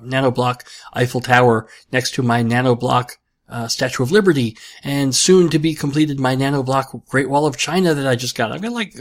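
A man's voice: mid-range voice, a bit bright. A man hosting a show, answering listener questions in casual chat, rambling and self-deprecating with many restarts.

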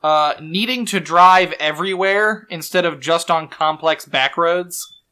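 Bright-voiced man dropping deadpan trivia. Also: on the high side, unhurried, clear, resonant tone. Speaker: podcast co-host. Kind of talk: casual chat.

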